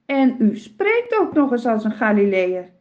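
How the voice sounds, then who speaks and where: A woman's voice: a little high, very animated, a little slow, a little mellow, lo-fi sound. A woman voicing a suspicious male servant who accuses insistently. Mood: accusing.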